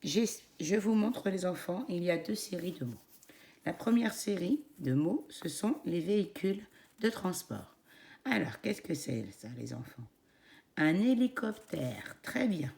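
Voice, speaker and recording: A woman teacher with a French accent, giving a phonics lesson to young children in a slow, encouraging voice and spelling out each syllable. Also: lowish voice, big pitch swings, gravelly, darkish tone.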